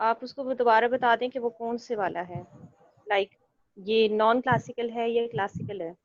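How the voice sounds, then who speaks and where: A woman's voice: on the high side, racing, dry recording. A woman student with a North Indian accent, politely and deferentially asking a question in class. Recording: dry, dull muffled audio.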